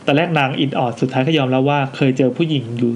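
Fast-reading animated Thai podcast man. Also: mid-range voice, dull audio, a little hiss or hum. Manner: animated, quick reactions, jokey asides while reading. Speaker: podcast co-host reading listener ghost stories. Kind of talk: casual chat, reading listener letters aloud.

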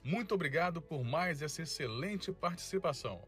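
A man's voice: fairly high pitch, expressive, moderate pace, a bit bright. A Brazilian man speaking casually as a show host, thanking and signing off. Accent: Brazilian Portuguese. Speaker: podcast host. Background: music.

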